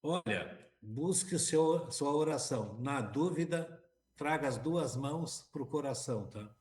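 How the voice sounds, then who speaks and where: A man co-hosting a casual radio conversation, calm and agreeable, with measured remarks. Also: on the high side, reverberant. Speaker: radio co-host.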